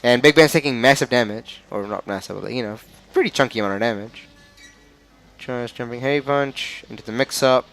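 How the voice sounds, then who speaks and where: An Australian man talks through a fighting game match in a loose, chatty way, tripping over names and apologising for it. His voice sits at an ordinary middle pitch, with faint music running behind him. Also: a little fast, vocal fry, fairly bright tone. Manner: chatty, stumbling over names, frequent fillers. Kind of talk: casual match analysis commentary.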